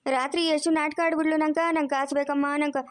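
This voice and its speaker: A woman's voice: sits high, level tone, fast, no room sound, lightly acted. A woman voicing a cursing old village grandma. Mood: lamenting. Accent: rural Chikkaballapur Kannada. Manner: scolding, repeats curses. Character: quarrelsome old grandmother, cursing and self-pitying. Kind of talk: cartoon voice acting.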